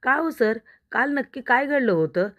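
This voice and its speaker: A sharp-tongued young wife fires reproachful questions at her husband, as a woman narrator reads her lines. The voice stays mid-pitched and even, close to the reader's own. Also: highs cut off, close to an everyday voice. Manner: reproachful, rapid-fire questions.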